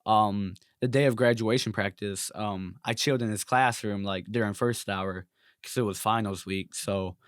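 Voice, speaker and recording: Laid-back young man, low voice. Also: fairly even intonation, normal speed, dry recording, clean studio sound. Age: young adult. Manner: laid-back, filler-heavy. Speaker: podcast guest. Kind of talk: casual chat.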